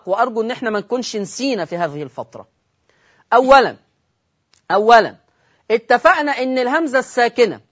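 A man with an Egyptian accent teaching Quran recitation on television, quizzing his listeners, repeating key points and slowing down to recite examples. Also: very high voice, fairly bright tone. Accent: Egyptian Arabic. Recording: dull lo-fi broadcast audio.

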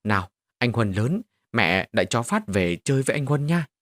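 A man voicing an elegant, wealthy mother who talks in a soft, coaxing way. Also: mid-range voice, very animated, moderate pace, no echo, clean studio sound.

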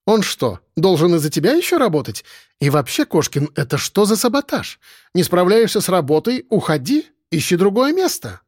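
A man voicing a bossy, loud middle-aged woman who runs a factory department and scolds her staff, read as an audiobook character. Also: sits high, very animated, normal speed, no room sound, clean studio sound, voice pushed up. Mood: scolding. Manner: barking, scolding, domineering.

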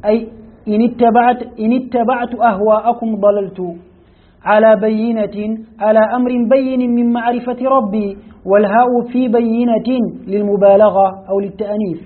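A man's voice: high voice, steady tone, normal speed. A man reading a classical commentary aloud in a lesson, carefully, with stumbles and restarts. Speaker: student reading the text aloud. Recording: tinny phone-like lo-fi audio.

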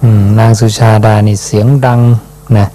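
Monk man reading scripture n explaining it slow, lowish voice, soft tag at the end of lines. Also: level tone. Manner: unhurried, ends phrases with a soft questioning particle. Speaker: Buddhist monk teacher.

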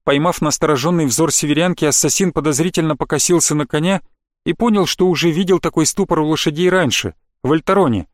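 A man narrating a fantasy novel as an audiobook in an even, expressive reading. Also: a little high, fast talker, dry recording, clean studio sound.

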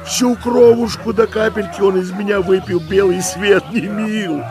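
Shrill wailing old peasant wife. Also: male voice, fairly even intonation, unhurried. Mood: lamenting. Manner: shrieking, scolding, lamenting. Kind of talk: audiobook character voice. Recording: music playing behind.

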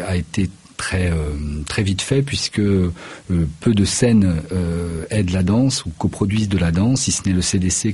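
A man's voice: low voice, dark tone, husky. A man, a choreographer and festival director, answering radio interview questions in a hesitant way, with many fillers and restarts. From Paris region, France. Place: radio studio.

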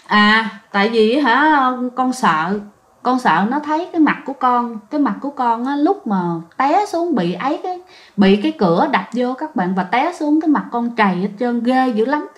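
A woman storyteller voicing a young man's ghost speaking through a possessed woman, soft and tearful. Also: fairly high pitch, lively intonation, normal speed, lightly acted. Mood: tearful pleading.

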